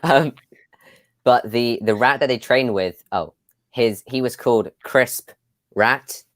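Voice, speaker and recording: A man's voice: medium pitch, slow pace, fairly bright tone, no echo. A man hosting a casual live discussion over a video call, chatty, with many fillers and frequent laughs. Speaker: host.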